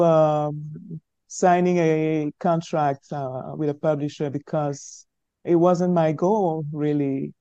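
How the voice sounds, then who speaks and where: Middle-aged woman guest, stammering restarts, warm low-key tone, muffled lo-fi line. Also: no room sound. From Cameroon. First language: French. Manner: hesitant, searching for words, frequent stammered restarts. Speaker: author guest. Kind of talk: conversational interview answers.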